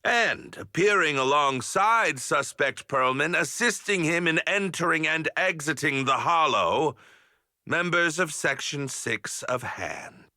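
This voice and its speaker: Pompous, forceful police commander. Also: male voice, on the high side, expressive, takes it slowly, dry recording, studio quality, full character voice. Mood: triumphant, official. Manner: pompous, declamatory. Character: smug, theatrical acting police commander, male. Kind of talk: video game voice acting.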